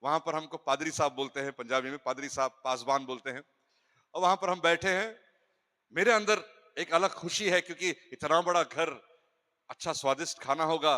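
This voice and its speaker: A male pastor giving a humorous sermon, telling stories with lively jokes and interjections. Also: fairly high pitch. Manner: animated storytelling with jokes and interjections. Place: church hall. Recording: echoey church hall.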